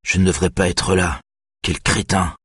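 A man's voice: low-pitched, little pitch movement, normal speed, husky, no room sound, clean studio sound. A man voicing a nervous young male police officer who mutters anxiously.

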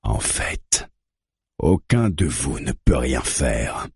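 Man reading a calm cop negotiator, deep, husky, slow, deliberate, storybook. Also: no room sound, clean studio sound, exaggerated voice. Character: calm, steady male police negotiator.

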